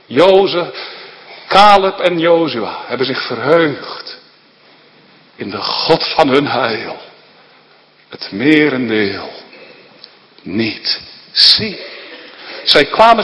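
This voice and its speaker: A man preaching a sermon, emphatic and deliberate, asking his listeners rhetorical questions. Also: a little high, pushed and bright. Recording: long hall reverb.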